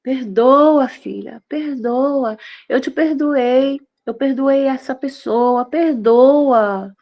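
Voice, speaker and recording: A woman's voice: high voice, extremely slow, muffled recording. A woman in her fifties giving a devotional sermon, tender and intimate, pleading with her listeners. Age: 50s. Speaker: devotional preacher.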